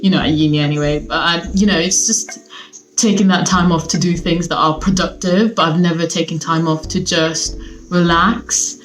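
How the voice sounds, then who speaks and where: Seated at home, a young Swedish woman vlogs straight to her viewers in a relaxed, upbeat, chatty style, rambling loosely and using lots of fillers at a moderate pace. Her voice sits a little low for a woman, and faint music plays beneath her on a low-quality recording.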